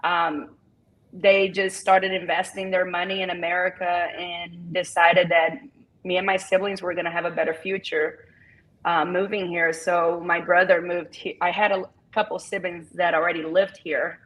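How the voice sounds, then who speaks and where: Laughing and relaxed, a business owner from Brazil in her thirties talks as a casual interview guest, her Brazilian accent reflecting her native Portuguese. Her lowish voice is level, a bit bright and at normal speed, though the audio is poor.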